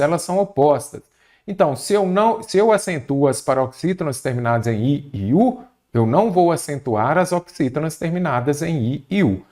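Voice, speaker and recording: A man's voice: medium pitch, a little mellow. A man teaching a Portuguese grammar exam-prep lesson, explaining step by step and often checking in with the viewer.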